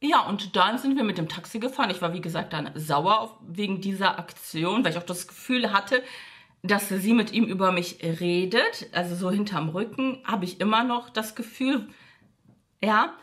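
A woman's voice: moderate pace, fairly bright tone. A woman telling a personal story to her viewers in a casual monologue, acting out the quoted dialogue and addressing the audience with frequent fillers. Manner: acts out quoted dialogue with shifts in pitch. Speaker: vlogger.

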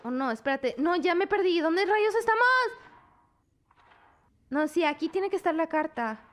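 A woman's voice: very high voice, animated, moderate pace. A young woman streaming a horror game, jumpy and exclaiming at scares while talking to her chat. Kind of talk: gaming commentary.

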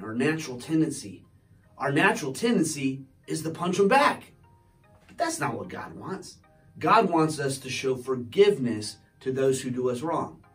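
A male pastor teaching a children's lesson, talking directly to kids and asking them questions. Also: medium pitch. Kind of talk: children's sermon.

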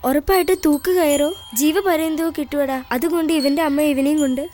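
A woman's voice: high-pitched, fairly even intonation, fairly quick, warm tone, soft background music, natural voice. A woman dubbing a film role: a cheeky, tearful six-year-old child with a childish, pleading way of talking. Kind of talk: film dub.

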